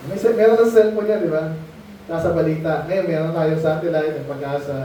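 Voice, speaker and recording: A man's voice: fairly high pitch, a little fast, warm tone, a little hiss or hum. A man preaching a Bible lesson to children in a conversational way, often stopping to ask them questions. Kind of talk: Bible lesson sermon in Tagalog. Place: mission meeting space. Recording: muffled, echoey room, distant mic.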